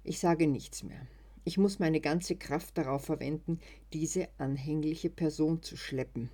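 Slow mellow reader doing a first-person story, calm and measured. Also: medium pitch. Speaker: narrator.

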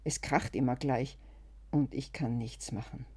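A reader voicing a calm, quietly odd young man in a storybook, speaking in a soothing, hesitant way, with no strong change from the reader's own voice. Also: medium pitch, unhurried, husky.

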